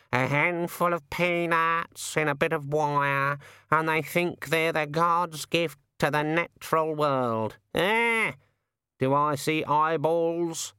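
A cocky, chattering raven, as a male narrator puts him on, pitched up well above his own voice and dragging his words out in a slow grumbling drawl. He talks on and on without pause. The sound is dry and close. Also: sharp tone, clear, resonant tone, no echo. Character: cocky talkative male raven, working-class.

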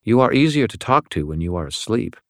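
A stern, ancient female fallen angel, as a male narrator puts her on, speaking in formal, measured sentences full of disdain. She sits clearly higher than a deep male voice would, with a cold, deliberate delivery in a storybook reading. The sound is close and dry, with no room around it. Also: big pitch swings, fairly bright tone, no room sound.

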